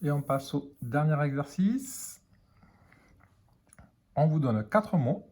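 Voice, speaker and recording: A man's voice: a little high, expressive, takes it slowly, a little mellow, slightly rough. A French man teaching a children's reading lesson, sounding out words letter by letter and syllable by syllable.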